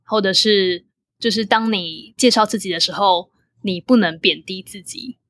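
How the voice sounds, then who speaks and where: A young woman speaks in a medium-pitched voice with a Taiwanese Mandarin accent. Her talk is casual and reflective, with English words slipped in now and then, and the recording is very dry. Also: moderate pace, a bit bright, no echo.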